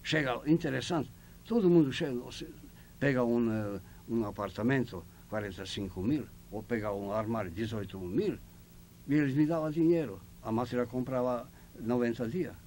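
A man's voice: mid-range voice, moderate pace, a little mellow, a little hiss or hum. An older man from Yugoslavia, speaking Portuguese as a second language, telling his life story in an oral history interview and acting out the dialogue as he goes. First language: not Portuguese.

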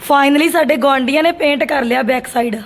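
A middle-aged woman with an Indian Punjabi accent and a sore, hoarse throat, chatting casually as she narrates a daily family vlog. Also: high-pitched, a little fast. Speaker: family vlogger.

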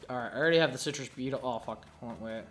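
A man's voice: mid-range voice, rapid-fire, background noise. A man giving casual, profane gameplay commentary, muttering to himself as he plays.

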